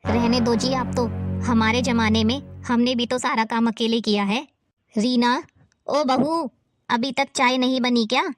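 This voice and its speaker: A woman's voice: on the high side, steady tone, measured pace, dry recording, soft background music, close to an everyday voice. A woman playing an older mother-in-law who nags and taunts in a family drama. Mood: scolding. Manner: scolding, taunting. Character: nagging older mother-in-law, harsh and scornful.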